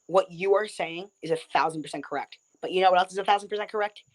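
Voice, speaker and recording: A man's voice: sits high, fast talker, dry recording. A man co-hosting a sports podcast in casual debate, persistent and pushing his point.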